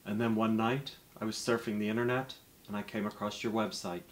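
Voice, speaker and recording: A man's voice: on the low side, level tone, brisk, noisy background, natural voice. A middle-aged man playing an earnest, grateful guest giving a confessional testimonial in a scripted parody infomercial. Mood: grateful, relieved.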